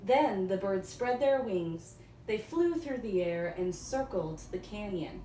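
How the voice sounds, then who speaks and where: A woman teacher reading a storybook aloud for young children, in simple, deliberate phrases. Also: medium pitch, lively intonation, warm tone. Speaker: elementary school teacher. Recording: echoey room, distant mic, faint noise.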